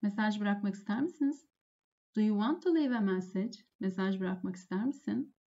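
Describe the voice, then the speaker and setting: A woman English teacher giving a lesson, saying each phrase slowly and then translating it. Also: mid-range voice, mellow, highs cut off. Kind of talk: lesson explaining phone phrases.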